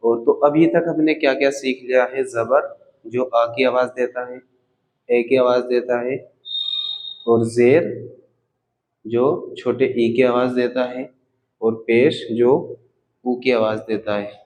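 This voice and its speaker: A man with an ordinary mid-pitched voice teaches a reading lesson at an unhurried, deliberate pace. He lingers on each vowel sound to demonstrate it. He pauses again and again to check that his learners are following. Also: little pitch movement, a little mellow, poor audio. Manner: patient, checks in with "theek hai" after each point. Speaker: Urdu script teacher. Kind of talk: slow step-by-step language lesson.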